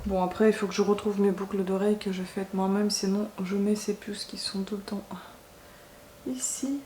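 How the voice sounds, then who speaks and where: A woman speaks in a relaxed, mellow voice. She chats casually like a beauty vlogger, hesitating and rephrasing as she goes. The room is echoey, with faint noise behind her. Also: mid-range voice, moderate pace. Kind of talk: casual makeup chat to camera. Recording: roomy echo, faint background noise.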